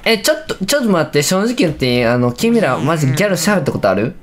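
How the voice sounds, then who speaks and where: Gamer just chatting, lively pitch, music in back. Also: fast. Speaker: gaming video player. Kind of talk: casual gaming chat. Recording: game music bed.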